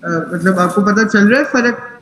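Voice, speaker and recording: A man's voice: sits high, fairly bright tone, roomy sound, a little hiss or hum, poor audio. A man teaching tajweed in an online class, patient and corrective, mixing English phrases into his speech. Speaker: Quran recitation teacher.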